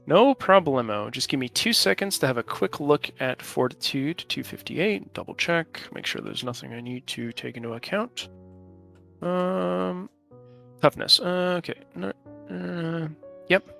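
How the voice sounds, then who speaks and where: A man with a bright voice leads a tabletop role-playing game as game master. He improvises narration and explains rules informally and haltingly, with faint music behind him. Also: fairly high pitch, creaky.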